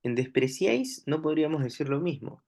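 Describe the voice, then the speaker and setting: A man with a Peruvian Spanish accent teaching a grammar lesson, slow and deliberate, repeating each example word aloud. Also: on the high side, animated, vocal fry, a little mellow. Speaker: language teacher.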